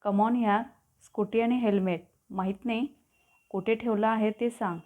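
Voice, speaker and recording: A woman's voice: medium pitch, steady tone, normal speed, a little mellow, natural voice. A woman voicing a bewildered modern young woman who fires off blunt questions, in a storybook reading. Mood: impatient. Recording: tinny phone-like audio.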